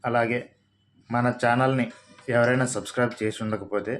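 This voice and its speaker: Soft background music plays as a man with a Telugu accent teaches English vocabulary slowly. His medium-pitched, steady voice reads every word, spells it letter by letter, and gives what it means.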